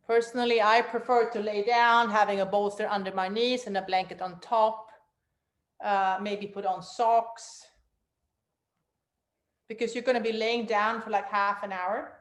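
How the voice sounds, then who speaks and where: A woman teaching guided meditation, giving gentle instructions to a group as the teacher. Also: medium pitch, little pitch movement, measured pace. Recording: roomy, echoey room sound.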